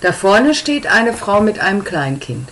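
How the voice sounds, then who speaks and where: A woman narrating a story in a calm, even reading voice. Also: mid-range voice, unhurried, rough recording.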